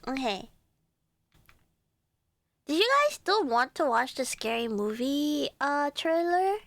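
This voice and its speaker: High-voiced giddy woman streamer, congested. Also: animated, slow pace, fairly bright tone, no room sound. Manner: giddy, rambling, filler-heavy. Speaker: live streamer. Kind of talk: casual live-stream chat.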